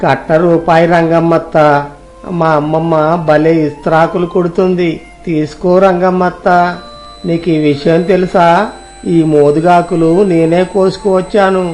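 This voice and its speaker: A man's voice: fairly high pitch, flat delivery, normal speed, darkish tone, faint music behind, close to an everyday voice. A man voicing a naive, innocent young village lad in a cartoon story, speaking in a simple, eager way.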